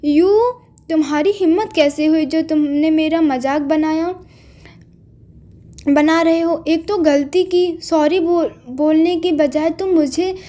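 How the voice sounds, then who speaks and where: A woman storyteller voicing a quick-tempered young woman scolding a man. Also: sits high, dark tone. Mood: angry. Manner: angry, scolding.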